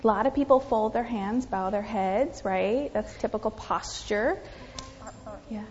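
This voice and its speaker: A woman's voice: mid-range voice, a little slow, faint music behind. A woman pastor giving a children's message in church, asking the kids questions and often dropping to a whisper. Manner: animated, questioning, drops to whispers. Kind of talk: children's sermon. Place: church sanctuary. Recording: dull recording in a reverberant church.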